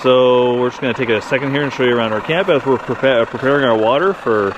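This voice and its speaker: A man's voice: mid-range voice, fast, lo-fi sound. A man hosting a hiking vlog, talking casually to the camera outdoors. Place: outdoors in winter mountains. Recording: faint noise, outdoor camera audio.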